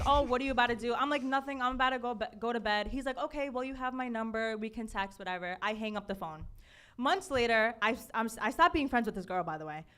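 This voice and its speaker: A young woman tells a story on a live podcast, her voice sitting a little high. She talks casually and acts out what each person said. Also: clean tone. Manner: animated storyteller acting out quotes. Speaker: podcast host. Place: podcast studio event.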